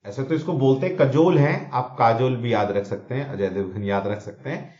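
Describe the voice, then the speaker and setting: A man's voice: medium pitch, moderate pace, a little mellow. A man teaching vocabulary in a mix of Hindi and English, repeating words and checking in with students. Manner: explains with mnemonics, repeats words, frequent "theek hai na?" checks. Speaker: exam coaching teacher. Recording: echoey room, dull lo-fi sound.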